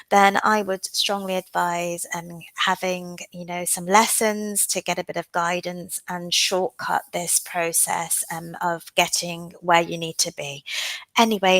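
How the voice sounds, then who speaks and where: This woman has a lowish, slightly bright voice, captured in a low-quality recording with no room sound. An OET teacher running a live online exam-prep class, she has a cold and explains things unhurriedly, filling her sentences with frequent "um"s.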